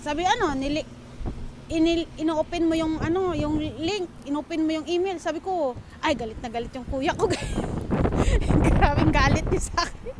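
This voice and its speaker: Filipino woman vlogger, high bright voice, chatty casual storytelling, filmed on a phone outdoors in the rain with traffic and wind behind. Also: moderate pace. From Philippines. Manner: chatty, addresses viewers as guys, mixes English into Filipino. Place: outdoors in the rain, waiting for a train. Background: rain, wind and passing vehicles.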